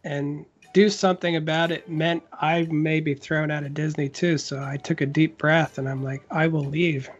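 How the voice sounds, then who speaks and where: High-pitched male podcast co-host, rambling storyteller, dull audio. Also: moderate pace, hardly any pauses. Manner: rambling, animated storytelling with many restarts. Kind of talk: casual chat.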